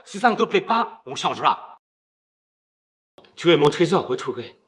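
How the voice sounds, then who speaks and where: An actor dubbing a wealthy businessman father who coaxes his daughter, with a calm, fatherly manner. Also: fairly high pitch, moderate pace. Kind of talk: dubbed drama acting.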